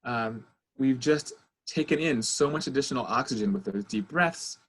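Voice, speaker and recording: A man's voice: mid-range voice, moderate pace, a bit bright, husky. A middle-aged man, a child therapist, leading a parenting webinar over a video call and talking the audience through breathing exercises. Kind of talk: guided breathing instruction and lecture.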